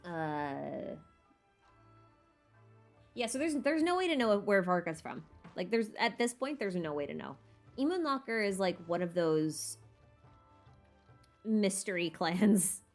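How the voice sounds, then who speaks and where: A woman hosts a casual livestream Q&A about game lore, answering viewer questions informally and hesitantly as she thinks aloud. Her medium-pitched voice is very animated, her pace is slow, and she pauses often over soft background music.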